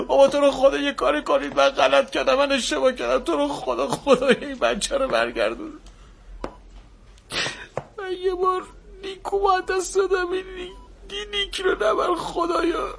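An actor playing a young male nurse in a hospital drama, gentle with a child and then pleading. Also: very high-pitched, lively intonation, vocal fry, a little hiss or hum, exaggerated voice, low-quality recording. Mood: desperate. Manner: pleading, breaking into sobs. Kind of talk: TV drama acting. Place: hospital emergency ward set.

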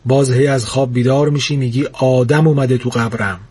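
A man's voice: medium pitch, fairly even intonation, a little mellow, breathy edge, lightly acted. A man doing a bossy, lecturing thin ghost. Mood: scolding. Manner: scolding, lecturing.

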